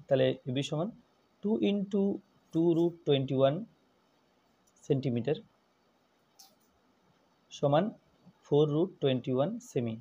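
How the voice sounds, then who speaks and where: Guy walking thru math steps slowly, mellow tone, dull lo-fi recording. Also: a little high, husky. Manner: methodical, repeats each step while working. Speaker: math teacher. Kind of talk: step-by-step math lesson.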